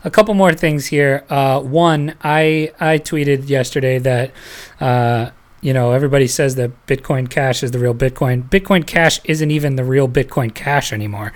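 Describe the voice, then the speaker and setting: A podcast host chats loosely with the panel, rambling between stories and laughing often. The voice sits at a middling pitch. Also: normal speed. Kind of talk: casual panel chat.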